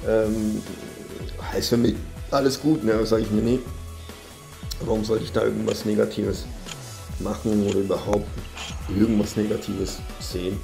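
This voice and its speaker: A man giving excitable, casual commentary over his own mobile game, swearing often and filling pauses with "ähm" and "ne". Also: fairly low pitch, vocal fry, soft background music. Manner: excitable, swears a lot, frequent fillers. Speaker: gaming YouTuber. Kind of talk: live gameplay commentary.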